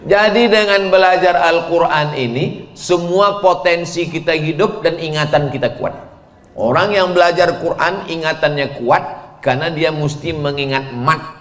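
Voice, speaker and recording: Man, preacher, joking sermon, asks the crowd questions, slow unhurried delivery, booming hall echo. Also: a bit bright. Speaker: Islamic preacher. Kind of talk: humorous sermon to a women's audience. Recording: echoey hall sound.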